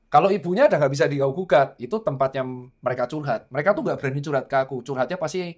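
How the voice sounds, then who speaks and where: Animated storytelling man, casual chat. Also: on the high side, very fast. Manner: animated storytelling, acting out quoted dialogue. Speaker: guest doctor and father.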